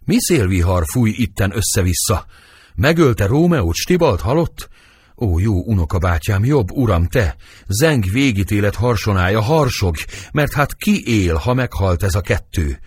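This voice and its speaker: A desperate young girl pours out grief and fury in dramatic verse, voiced by a man in his own low register. The voice is husky and swings widely in pitch. The sound is dry and close. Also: very animated, a little mellow, no room sound. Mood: anguished. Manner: impassioned verse reading. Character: young girl Juliet, passionate and anguished.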